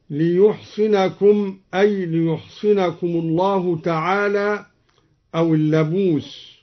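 Man, high voice, very slow, measured explanation of Quran readings with chanted examples, dull old radio sound. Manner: measured, deliberate, alternates plain explanation with chanted verses. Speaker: Quran recitation teacher.

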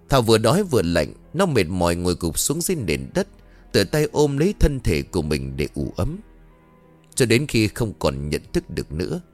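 A man narrating a dramatic ghost story in an expressive, lively way. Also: on the low side.

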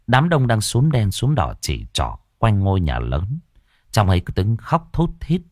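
A low-voiced man telling a horror tale in a measured way. His pitch moves a lot from line to line. The recording is dry and close. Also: dry recording. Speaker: storyteller. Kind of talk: narrating a horror story.

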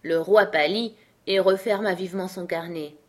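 A woman reading a classic storybook aloud in a calm, measured way. Her voice sits on the lower side for a woman, even and unhurried. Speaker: audiobook narrator. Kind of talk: storybook narration.

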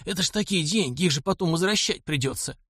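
Guy putting on a shaky old servant, higher up, humble and pleading, dry audiobook sound. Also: big pitch swings, moderate pace, fairly bright tone, no room sound, full character voice. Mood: timid. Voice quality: quavering, rattling old voice. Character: frail, tearful old male household servant.

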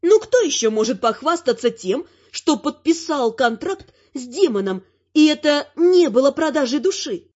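Woman narrating a fantasy audiobook, high voice, wry, bit dull lo-fi. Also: moderate pace, few pauses. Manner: wry, expressive storytelling. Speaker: audiobook reader. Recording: slightly dull lo-fi sound.

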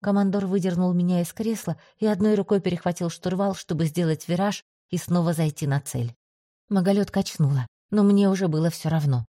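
A woman narrating a first-person story in a steady, even audiobook reading. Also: fairly low pitch, brisk, no room sound, studio quality.

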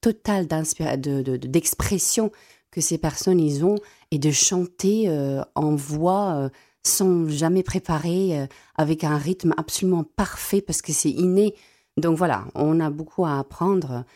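This young classical singer from South Africa, first language Afrikaans, gives halting radio interview answers full of repeated words, her voice sitting low with a mellow quality.

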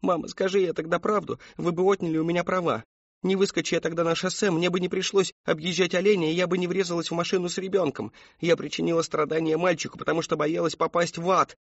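Guy doing a scared teen girl, way higher voice, begging and crying out, dull dry audiobook sound. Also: little pitch movement, fast talker, vocal fry, no echo. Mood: tearful confession. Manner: desperate, pleading, tearful. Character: frightened pleading teenage girl.

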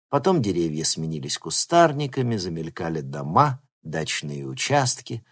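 Husky, lively male audiobook narrator. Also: fairly low pitch. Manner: lively expressive reading. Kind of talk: scripted narration.

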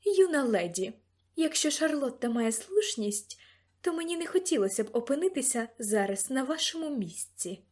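A woman's voice: sits high, lively intonation, moderate pace, darkish tone. A woman voicing an imperious elderly grandmother who speaks in a cold, commanding tone.

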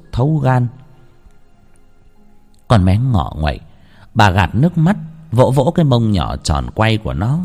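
A man narrating a ghost story dramatically, swinging between hushed and heightened tones. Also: medium pitch, slightly rough.

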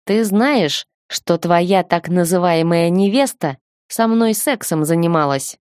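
A woman's voice: on the low side, takes it slowly, darkish tone, clear, resonant tone, no room sound, studio quality. A woman voicing an arrogant, hot-tempered male director who threatens and sneers, in an audiobook reading. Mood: hostile. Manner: rude, threatening outbursts.

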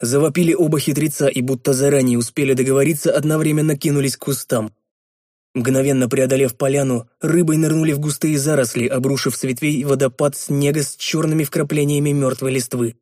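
A man narrating a fantasy story in a measured, even read. Mid-pitched voice, recorded dry and close. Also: no echo. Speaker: audiobook reader. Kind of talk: scripted narration.

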